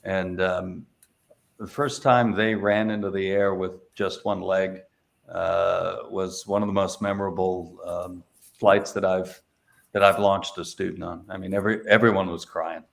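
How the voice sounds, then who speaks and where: Middle-aged male guest, gravelly low voice, halting storyteller full of fillers. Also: little pitch movement. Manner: hesitant, many fillers and restarts. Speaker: paramotor instructor and guest. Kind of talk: casual interview storytelling.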